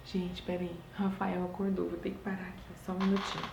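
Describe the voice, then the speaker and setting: A woman reading scripture aloud at home and breaking off into expressive, exclamatory asides to her listeners. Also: lowish voice, a little fast, vocal fry, background noise. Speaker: Bible study leader. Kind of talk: devotional Bible reading with commentary. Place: home at night. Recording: roomy, distant mic, faint ambience.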